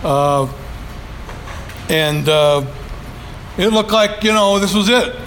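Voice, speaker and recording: An older man tells his story at a recovery meeting, rambling in a folksy way with plenty of fillers as he talks into a handheld mic in a meeting room. His voice is high-pitched and fairly bright, and he takes his time. There's slight background noise.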